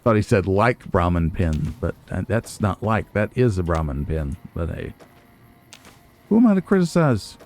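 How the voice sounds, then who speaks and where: Game music runs under this man's deep, slightly mellow voice, which swings widely in pitch at a normal pace. He hosts a let's play, chatting casually and musing aloud with dry, wry asides.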